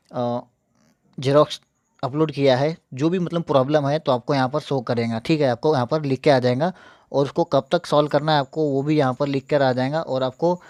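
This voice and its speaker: This YouTube tech host, a young man with a medium-pitched, darkish voice, walks viewers through a casual screen-share tutorial. He repeats points and keeps reassuring and checking on listeners, though a mouth ulcer slightly gets in his way. The recording is dry.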